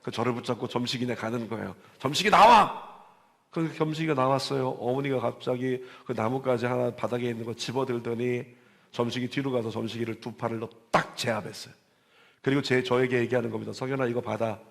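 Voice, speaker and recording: Gravelly Korean pastor preaching in a reverberant hall. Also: male voice, mid-range voice, steady tone, fast. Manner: storytelling, swings from soft to loud emphasis. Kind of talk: sermon. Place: church sanctuary.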